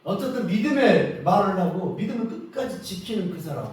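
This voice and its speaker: A male pastor preaching a lively, joking revival sermon, acting out prayers as he goes. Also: high voice, a little fast. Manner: animated, joking, acts out prayers. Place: church sanctuary. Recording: echoey hall from far off.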